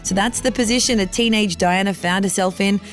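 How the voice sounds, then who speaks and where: A woman's voice: medium pitch, fairly quick, faint music behind. A woman, a royal reporter telling stories in a chatty, teasing way. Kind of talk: casual news podcast chat.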